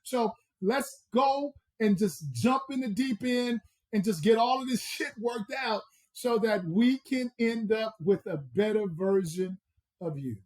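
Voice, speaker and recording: Here a high, expressive male voice with a darkish tone belongs to a personal growth coach from the American South. Speaking with a Southern accent on a motivational podcast, he preaches emphatically, lingering on stressed words.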